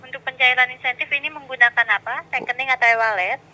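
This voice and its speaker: A woman's voice: sits high, fairly even intonation, fast, bright, forceful tone. A woman in a polite, formal customer service voice, working through scripted help on a call. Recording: phone call recording with clear background noise.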